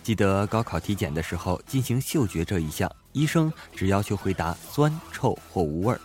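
A man's voice: low voice, fairly quick. Man telling jokes over faint music. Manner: lively, voicing the characters in his stories. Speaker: joke narrator. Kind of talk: comic storytelling of jokes.

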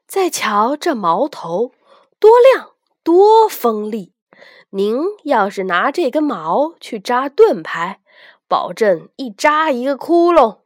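A woman voicing a boastful male street vendor in a children's storybook reading, with loud, bragging salesman's patter. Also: sits high, very animated, takes it slowly, dry recording, studio quality, exaggerated voice. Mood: boasting.

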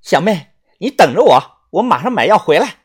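A narrator voicing a tense, guarded young woman in an audiobook, brisk and quick to alarm. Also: lowish voice, sing-song, darkish tone, breathy edge, full character voice. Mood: urgent. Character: Ah Chun, a tense young woman, sister-like protector. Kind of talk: audiobook character voice.

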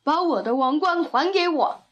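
Woman doing a bossy elephant from a picture book, loud and pushy, voice raised. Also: high voice, expressive, normal speed, dull audio. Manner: loud, blustering.

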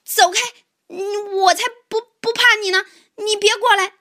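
Woman playing a small storybook mouse: high-pitched, loud and defiant. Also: fairly even intonation, unhurried, heavily acted. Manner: high, shouting outbursts. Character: tiny mouse, indignant and defiant. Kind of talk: children's storybook reading.

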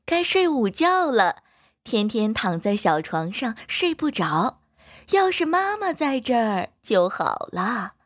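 Woman, children's story narration, gentle and expressive, fairly high pitch, slow.

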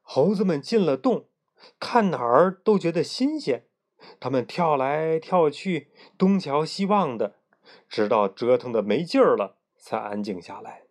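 A storyteller narrating a classic tale for children, gentle and expressive, trailing off softly at line ends. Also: mid-range voice, a little slow.

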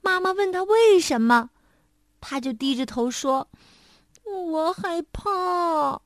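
A woman storyteller narrating a children's story, sing-song and expressive, speaking to little listeners. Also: sits high, measured pace, no room sound, clean studio sound.

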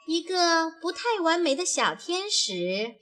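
A woman narrating a children's storybook in a gentle, expressive way. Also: extremely high pitch, slow pace. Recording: faint background music.

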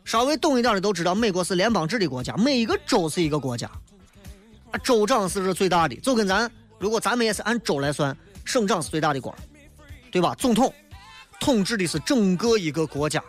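A man's voice: sits high, expressive, brisk, faint music behind. A man with a Shaanxi dialect accent hosting a comic talk radio show, delivering a wry, joking monologue that mocks common misconceptions. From Shaanxi, China.

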